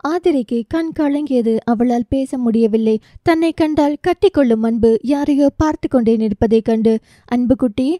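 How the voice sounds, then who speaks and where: A woman reading a romance novel aloud as an audiobook narrator, in steady, even storytelling. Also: sits high, moderate pace, few pauses, no echo, clean studio sound.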